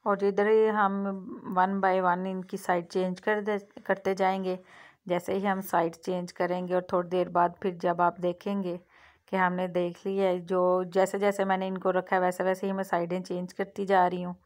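A woman's voice: on the low side, monotone, moderate pace. A woman hosting a home cooking vlog, chatting casually as she cooks and often saying "theek hai" and "mashallah". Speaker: cooking channel host. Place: home kitchen.

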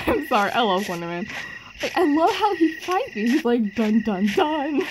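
A woman with a slightly high voice rambles excitedly as she plays a scary game, giggling often. Her commentary is casual and loose. A steady wash of background noise hangs under her. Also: normal speed. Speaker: mobile game player.

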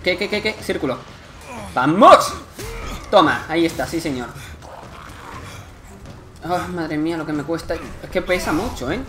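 A young man from Spain with a Spanish accent, commenting live on his gameplay, excitable and swearing often in frustrated outbursts. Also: a little high, moderate pace, long pauses. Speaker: gaming youtuber.

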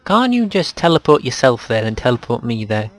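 A man playing a game with a friend, easygoing and quick to laugh. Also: mid-range voice, sing-song. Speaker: co-player. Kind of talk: casual chat while gaming.

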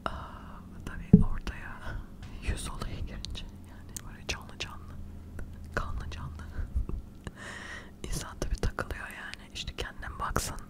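A middle-aged woman whispering quietly in casual, rambling, self-deprecating ASMR chat, close to the microphone. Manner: quiet, hushed late-night whispering. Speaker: ASMR video creator. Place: furnished living room at home, indoors. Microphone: furry-covered microphone close to the mouth.

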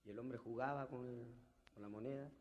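A man with a Lima Peruvian accent telling jokes in street slang, acting out his characters and breaking into sudden loud shouts. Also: medium pitch, steady tone, brisk, highs cut off, very noisy. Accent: Peruvian Spanish, Lima. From Peru. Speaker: comedian. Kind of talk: street comedy storytelling.

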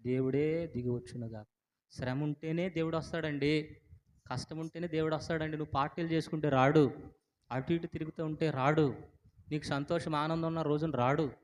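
A man with an Andhra Telugu accent preaching a sermon as pastor. He questions the congregation, prompts their answers and rises to fervent declarations. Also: fairly high pitch. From Andhra Pradesh, India. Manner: rising to fervent shouted declarations. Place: church hall. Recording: church hall with long reverb.

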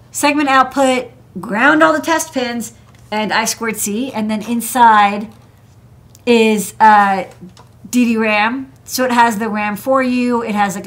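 An American woman with a slightly high, somewhat bright voice hosts a technical livestream from her indoor desk workspace. An electronics engineer, she chats casually about electronics and drifts into lots of offhand asides.

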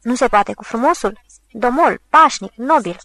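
Woman voicing anxious restaurant owner man, soft, pleading, audiobook. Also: fairly high pitch, animated, no echo, faint music behind, exaggerated voice, low-quality recording.

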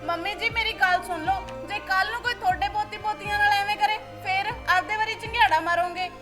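An actress playing a kind daughter-in-law who gently pleads with her mother-in-law in a short drama. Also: very high-pitched, fairly even intonation, brisk, soft background music. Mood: pleading.

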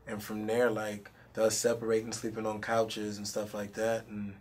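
Speaking at an ordinary pace in a monotone, this young male rapper has a voice on the low side. He's a guest in a relaxed studio-room interview, handheld mic in hand, and keeps peppering his talk with "you know what I mean."

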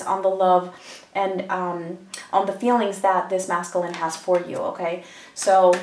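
Recorded from a distance in a reverberant room, this woman speaks in a mid-range voice over a slight hiss or hum. She's congested with a cold and gives a loose, talkative tarot reading at a table for the camera, peppered with ums.

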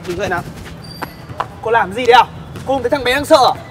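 A man's voice: sits high, fast talker, a little hiss or hum. An actor playing a kind man who defends the orphan boy he adopted, speaking firmly and reasoning with the mother in a scripted web sitcom. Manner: firm and protective, reasoning calmly. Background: background music.

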